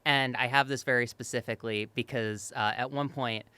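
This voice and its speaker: A podcast co-host in casual, animated chat who laughs often and swears offhandedly. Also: medium pitch, brisk, clear, resonant tone, dry recording.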